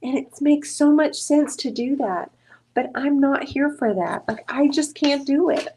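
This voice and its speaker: Play a chatty woman running a live stream as she paints furniture. Her voice sits a little high. She talks loosely and casually, greets viewers by name and teases the person off to the side. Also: unhurried, background noise.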